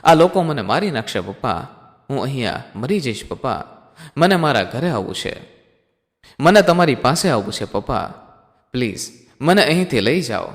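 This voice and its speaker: A man's voice: medium pitch, big pitch swings, normal speed, long pauses. A frightened young woman begs her father to take her home, her tearful pleading rising and falling with feeling, as a male storyteller puts her on. The story is told in a reverberant room. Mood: desperate pleading.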